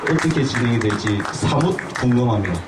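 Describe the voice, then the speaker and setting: A man's voice: medium pitch, animated, fairly quick, over a noisy crowd. A man emceeing an outdoor rally, sharing reflective remarks and announcing the next speaker. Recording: distant, echoey, with loud street noise.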